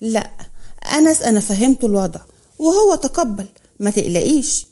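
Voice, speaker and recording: Woman reading playful young friend, teasing, high mellow voice. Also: animated, fairly quick.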